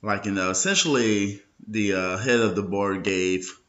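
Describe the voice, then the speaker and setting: Hungover young man, lowish voice, dull lo-fi sound. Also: a little slow, a bit bright. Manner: hungover, sluggish and loose, slangy. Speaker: host of a local social media show. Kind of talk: casual rambling vlog chat.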